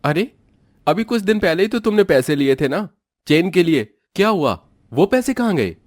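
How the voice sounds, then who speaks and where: A man's voice: high-pitched, big pitch swings, normal speed, dry recording, clean studio sound. A man voicing an irritated young husband who scolds his wife in exasperation. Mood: exasperated.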